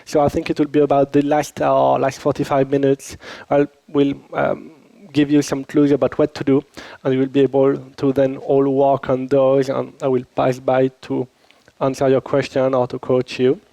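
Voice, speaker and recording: With a medium-pitched, warm voice marked by vocal fry, this man speaks at normal speed in a completely flat delivery. He's leading an informal conference workshop, quizzing attendees, has a French accent, is based in Switzerland, and is recovering from a cold. His handheld or lapel mic yields poor audio with no room sound.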